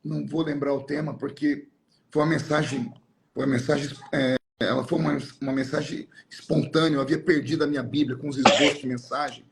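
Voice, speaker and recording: A middle-aged man, a pastor, telling a personal story in conversation, reflective and sometimes pausing to search for words. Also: medium pitch, steady tone, gravelly, noisy background.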